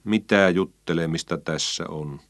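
A man's voice: low voice, dry recording, studio quality. A man voicing a stubborn, sulky young boy in a children's story. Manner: sulky, reluctant.

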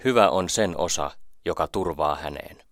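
A man giving a slow, measured, solemn reading of psalms as a scripted Bible reading. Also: low voice, no room sound, clean studio sound. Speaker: scripture reader.

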